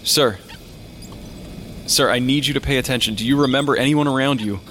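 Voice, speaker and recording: A man's voice: medium pitch, a little fast, sharp tone, slight background noise, lightly acted. An actor playing a blunt, weary medical examiner in a naturalistic audio drama, matter-of-fact and muttering as he works. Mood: dismayed, urgent. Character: weary, blunt male medical examiner who talks to ghosts. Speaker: lead character, medical examiner.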